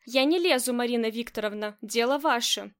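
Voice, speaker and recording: A loyal, easygoing young bodyguard with a light, teasing way of speaking, in an audiobook, read in a high voice by a woman. He stays respectful while he jokes. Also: brisk, lightly acted.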